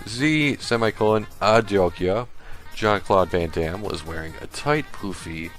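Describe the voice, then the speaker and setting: A man doing a comedic read-aloud of a badly written story, deadpan and halting as he stumbles over the text. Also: lowish voice, soft background music. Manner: slow, halting, deadpan reading broken by laughter. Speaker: stream host reading a fan fiction aloud. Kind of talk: comedic dramatic reading.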